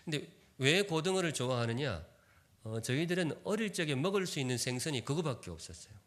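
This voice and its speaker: Joking Korean preacher with Gyeongsang tinge. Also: male voice, a little high, big pitch swings, fairly quick. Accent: Gyeongsang-tinged Seoul Korean. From Gyeongsan, North Gyeongsang, South Korea. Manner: humorous, engages congregation with questions. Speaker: pastor. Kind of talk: sermon. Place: church sanctuary.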